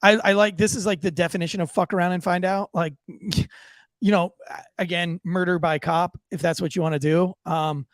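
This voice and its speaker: A man co-hosts a podcast of casual banter, joking and swearing as he chats, then reads a sponsor ad with many restarts. His high voice has fairly even intonation and a moderate pace. There is no echo.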